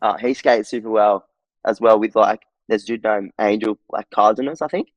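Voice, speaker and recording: A man's voice: lowish voice, steady tone, normal speed, dry recording, rough recording. A young Australian man chatting casually as a podcast guest, laid-back and full of "like" and "um". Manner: laid-back, lots of filler "like" and "um". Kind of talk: casual interview chat.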